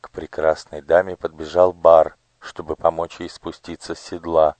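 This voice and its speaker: Male storybook narrator, low and measured, dry studio read. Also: level tone, darkish tone, no room sound. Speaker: audiobook narrator.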